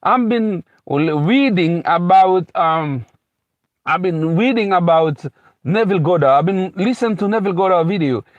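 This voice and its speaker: A Haitian man living in America gives an unscripted motivational talk that rambles, repeats itself, and keeps restarting, peppered with "you know." His voice is high and animated at a moderate pace. There's no echo, but the audio sounds dull.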